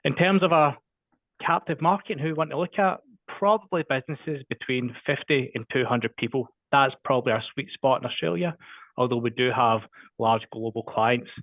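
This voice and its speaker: A man with a Scottish accent, originally from Scotland, giving a brisk, confident business pitch over a video call. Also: no room sound. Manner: brisk, confident and matter-of-fact. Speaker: business speaker pitching his firm. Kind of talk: short networking pitch. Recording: tinny phone-like line, dry.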